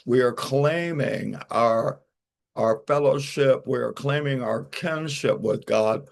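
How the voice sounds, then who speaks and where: A man's voice: medium pitch, takes it slowly, gravelly. A man preaching a sermon as pastor, telling a story and acting out what a friend said to him.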